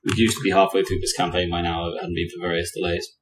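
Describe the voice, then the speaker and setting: A man's voice: low-pitched, flat delivery, very fast. A man acting as game master, leading a casual recap of a tabletop session in a dry, mock-exasperated way. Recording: roomy echo, faint noise.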